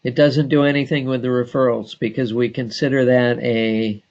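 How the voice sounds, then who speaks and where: A man training staff on database software, talking slowly and deliberately with frequent filler pauses. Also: mid-range voice, little pitch movement, lo-fi sound. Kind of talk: screen-share software tutorial.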